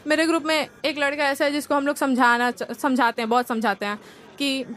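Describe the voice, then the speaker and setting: Performing stand-up, this young adult woman from India speaks with a tinge, in a high-pitched and fairly quick voice. She narrates lively stories and slips into impressions of family and friends, over a faint hiss or hum.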